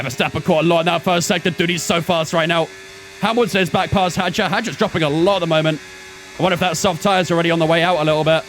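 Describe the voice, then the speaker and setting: A man in his 20s with a slightly bright, higher voice streams a racing game, chatting through the action and responding to his viewers in casual live commentary.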